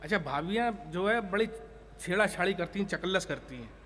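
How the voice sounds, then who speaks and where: A man's voice: sits high, lively intonation, fairly quick, a bit bright, a little hiss or hum. A man performing comic poetry on stage, chanting sing-song refrains and tossing joking asides to the audience. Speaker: comic poet. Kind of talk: comic verse recital on stage. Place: stage at a live poetry gathering. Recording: echoey hall sound.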